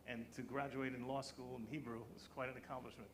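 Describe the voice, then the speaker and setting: A man's voice: mid-range voice, flat delivery, fast. A man with a mid-range voice moderates a panel for a live audience. Noticeable background noise sits behind his speech. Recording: clear background noise, live conference stage.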